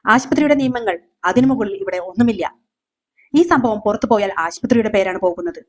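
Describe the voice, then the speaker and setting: A woman's voice: mid-range voice, lively intonation, a little fast, natural voice. A woman voicing an angry, rigid hospital owner who speaks curtly. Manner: curt, angry.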